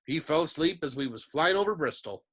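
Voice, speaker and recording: A man reading aloud, voicing a huge soft-hearted male giant with plain, rough, earnest speech. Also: on the high side, lively intonation, brisk. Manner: plain country speech, tearful.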